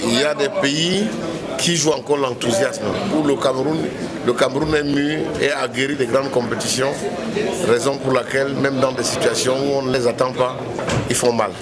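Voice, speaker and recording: A man's voice: mid-range voice, fairly even intonation, normal speed. A man speaking with confident assurance as a veteran football commentator. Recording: loud crowd behind.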